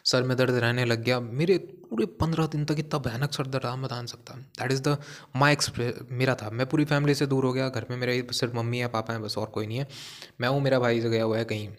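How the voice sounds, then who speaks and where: A young man with a hoarse voice, a vlogger delivering a heated, preachy monologue straight to his viewers. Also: mid-range voice, steady tone, brisk. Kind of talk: ranting monologue to camera.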